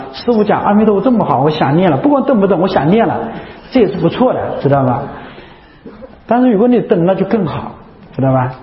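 High-voiced monk in an echoing hall. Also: male voice. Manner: chatty, repetitive, rhetorical questions. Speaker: Buddhist monk teaching. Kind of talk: dharma talk. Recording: echoey hall, dull lo-fi sound.

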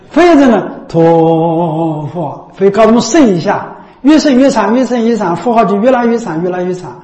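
A man's voice: high voice, warm tone. A man teaching a group how to recite a Buddhist chant, repeating himself and demonstrating the chant as he goes. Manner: repetitive, keeps asking "know what I mean?". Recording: echoey room.

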